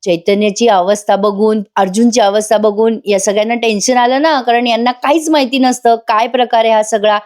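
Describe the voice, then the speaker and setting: A woman's voice: fairly high pitch, fairly even intonation, brisk, hardly any pauses, darkish tone. Chatty woman recapping a TV serial. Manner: chatty, addressing viewers directly. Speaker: serial reviewer. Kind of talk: voice-over episode recap.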